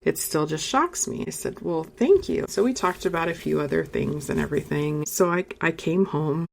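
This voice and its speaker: A middle-aged woman with a low, gravelly voice tells a personal story as a podcast host. She talks conversationally, filling gaps with "you know." She sounds moved and close to tears at moments. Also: animated, normal speed, slight background noise. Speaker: podcast host and spiritual medium.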